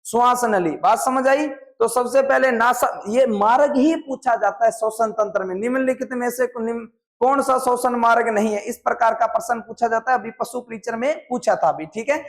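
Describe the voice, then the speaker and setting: A man's voice: extremely high pitch, steady tone, moderate pace. A man with a Rajasthani accent teaching a classroom biology lesson, often quizzing his students and drilling terms by repetition. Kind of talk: classroom lecture.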